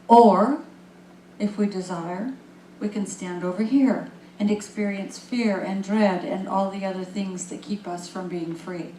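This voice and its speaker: A woman minister speaks with calm, gentle guidance, her voice at a middle pitch. She moves into lively storytelling. The sound rings in an echoey room with a faint hum behind it. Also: unhurried, recorded from a distance. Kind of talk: sermon.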